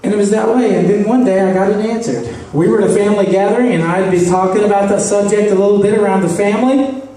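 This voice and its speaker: A man's voice: high-pitched, steady tone, quick pace, warm tone, far from the mic. Male stand-up comic, crude rambling anecdotes, heard from afar in a very echoey club. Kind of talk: stand-up storytelling. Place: comedy club.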